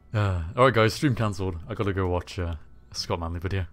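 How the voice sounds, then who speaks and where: A British man hosting a live game stream, chatting casually and joking around. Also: low voice. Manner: jokey, quick to laugh. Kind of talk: casual live-stream chat while playing.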